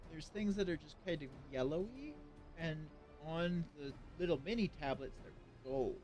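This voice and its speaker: A man's voice: a little high, lively intonation, moderate pace, a little mellow. A man streaming a video game, chatting casually, swearing often and reading the game's dialogue aloud with sarcasm.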